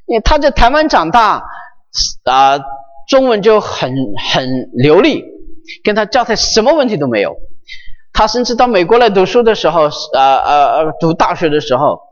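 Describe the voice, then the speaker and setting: A preacher in a large church hall retells a scripture story with a lively, rising and falling voice and sudden hushed drops. The recording is dull and lo-fi, with a long reverb trailing each phrase. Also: normal speed. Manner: animated, pitch swinging high and low, drops to near-whisper for emphasis. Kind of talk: sermon storytelling.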